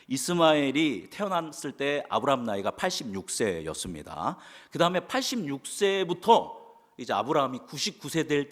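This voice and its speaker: In a church sanctuary, a male pastor preaches a sermon, repeatedly posing questions to the congregation and answering them himself. His voice is medium-pitched and a bit bright, and the recording carries long church-hall reverb.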